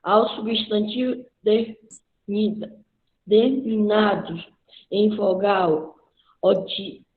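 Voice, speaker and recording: Student reading word list very slowly, phone-like sound with room echo. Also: male voice, sits high, fairly even intonation. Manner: slow, careful reading aloud. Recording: echoey tinny phone-like call audio.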